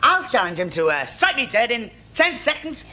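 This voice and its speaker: A cocky, teasing young Londoner. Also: male voice, very high voice, very animated, normal speed, bright, forceful tone, heavily acted. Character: cheeky, mocking young left-wing man. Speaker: sitcom character.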